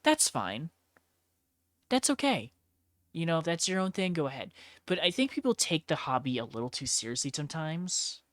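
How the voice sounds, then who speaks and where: A woman's voice: deep voice, very animated, moderate pace, no room sound. Chatty, blunt woman streamer. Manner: chatty, laughs often, blunt and sweary. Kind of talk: casual chat while painting miniatures.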